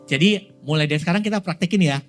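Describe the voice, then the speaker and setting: High-voiced man preaching casually. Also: fast talker, faint music behind. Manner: conversational, asks the congregation questions. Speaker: pastor. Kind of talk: sermon. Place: prayer room in a mall.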